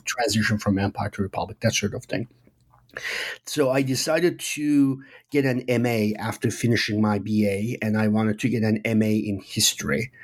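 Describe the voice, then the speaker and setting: A man from Turkey in his forties, a history professor answering interview questions thoughtfully, with many pauses and fillers. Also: lowish voice.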